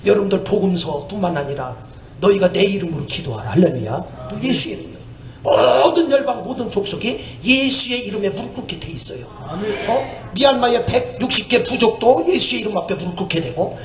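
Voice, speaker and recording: A man preaching a sermon as a missionary, telling stories in an animated way, laughing and shouting at times. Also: extremely high pitch, echoey room. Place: church sanctuary.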